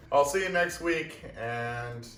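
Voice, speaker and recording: A man's voice: mid-range voice, slow pace, a bit bright. Chatty young male cooking host, casual and self-mocking; roomy kitchen, distant mic, music under him. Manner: self-deprecating, chatty, talks while eating. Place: home kitchen.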